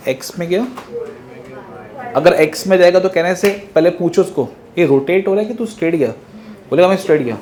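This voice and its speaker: A male physics teacher, lecturing in a quick, lively way. His voice sits high for a man, and he keeps asking his class questions and then answering them himself. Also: a little hiss or hum.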